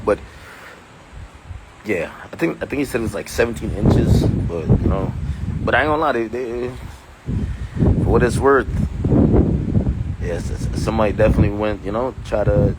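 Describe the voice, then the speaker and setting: Laid-back low-voiced man, loud outdoor noise. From Jamaican. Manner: loose, rambling, laughs often, lots of filler. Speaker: streamer host. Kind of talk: casual vlog chat.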